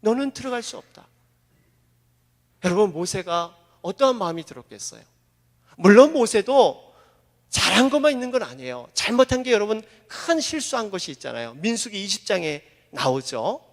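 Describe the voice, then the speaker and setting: High-voiced, impassioned male pastor. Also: sing-song, a little fast, long reverb tail. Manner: impassioned, voicing Moses and God in quoted lines. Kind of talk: sermon. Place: church sanctuary.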